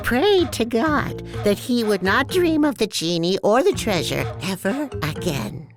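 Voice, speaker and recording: A woman's voice: fairly high pitch, big pitch swings, measured pace, over music. A woman narrating a scripted storybook tale.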